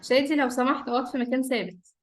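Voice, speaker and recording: A woman's voice: high voice, rapid-fire. A woman with an Egyptian Arabic accent teaching an online class, talking to small children in simple questions, repeats and coaxing praise. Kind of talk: interactive lesson for small children. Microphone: computer or phone on a video call.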